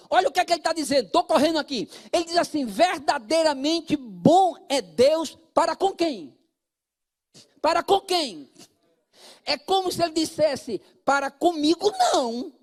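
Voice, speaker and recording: A Brazilian Portuguese-accented man preaching a sermon as pastor, talking straight to his congregation and swinging between loud calls and hushed asides. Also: very high-pitched.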